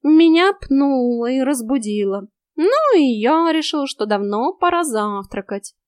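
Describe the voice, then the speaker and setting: A woman voicing a cheeky, practical male house cat who grumbles in a loud, drawn-out way. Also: high-pitched, lively intonation, smooth, no echo, clean studio sound, voice pushed up. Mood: smug.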